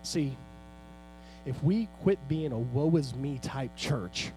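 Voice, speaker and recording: A middle-aged man preaching a sermon as pastor in a church, building to loud, fervent peaks and then dropping low and soft. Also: animated, takes it slowly, a little hiss or hum. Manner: preaching with rising shouts and sudden soft drops. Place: church sanctuary.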